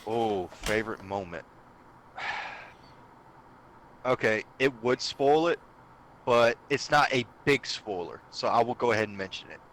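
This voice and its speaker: A man's voice: fairly low pitch, animated, measured pace, pauses often, fairly bright tone, slight background noise, poor audio. A man guesting on a casual podcast, talking eagerly and explaining things at length. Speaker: guest streamer.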